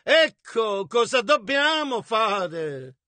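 High, bright male sermon interpreter. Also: very animated, drawn-out words. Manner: emphatic, echoes the preacher's shouts.

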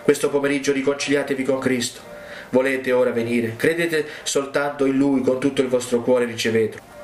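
A man preaches a revival altar call, pleading with and urging his listeners to come forward. His voice booms around an echoey hall, and soft music plays underneath. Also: fairly even intonation, a little fast. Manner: pleading, urgent exhortation.

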